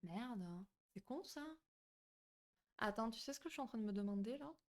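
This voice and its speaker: A woman's voice: fairly high pitch, lively intonation, moderate pace. A woman hosting a psychology live stream, chatting casually with viewers between points, with many fillers and restarts. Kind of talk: casual live-stream talk, reading chat. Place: home streaming setup.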